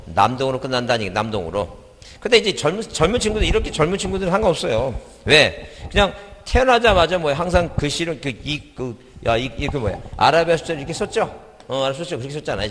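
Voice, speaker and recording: A man's voice: on the high side, sing-song, fast, a bit bright, in a large hall, a little hiss or hum. A middle-aged man giving an exam-prep lecture, repeating points and quizzing his listeners with questions.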